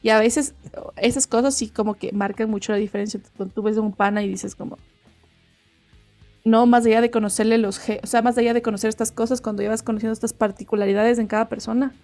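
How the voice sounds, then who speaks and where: Gravelly, talkative woman on a video call. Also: fairly high pitch, fairly even intonation, quick pace, dark tone, faint music behind. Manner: talkative, rambling, many restarts. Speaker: podcast co-host. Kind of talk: casual chat.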